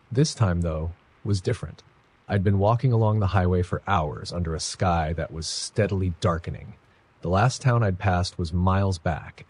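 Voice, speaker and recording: Man, deep voice, husky, somber horror narration, measured pace. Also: darkish tone. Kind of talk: scripted first-person horror narration.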